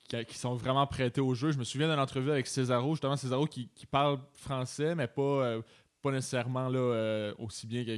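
Coanimateur québécois hésitant. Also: male voice, mid-range voice, smooth. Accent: Quebec French. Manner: hesitant, many fillers. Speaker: co-host. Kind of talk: casual interview chat.

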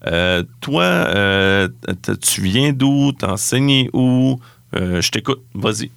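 A low, gravelly man asks questions as an interviewer. He talks with lots of hesitant fillers and small jokes. The recording is dry and close. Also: expressive, takes it slowly, a bit bright, dry recording. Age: 40s. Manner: hesitant, filler-heavy, joking. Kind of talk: casual interview.

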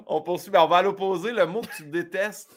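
A man's voice: sits high, fairly quick. A man with a Québécois French accent hosting a podcast, asking questions in an easygoing way and laughing often. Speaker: podcast host. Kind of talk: casual interview.

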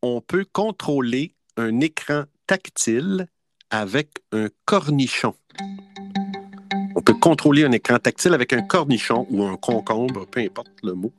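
A man's voice: medium pitch, lively intonation, unhurried, dry recording, soft background music. A man with a Québécois French accent hosting a casual online quiz show, playful and chatty. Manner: playful, chatty, laughs often. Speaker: quiz host.

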